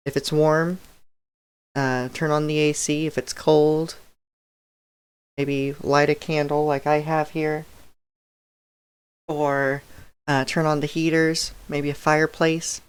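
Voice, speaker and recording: A woman with a deep voice streams a game and chats casually with her viewers. Her throat sounds a bit dry and raspy as she rambles in a relaxed way, laughing softly.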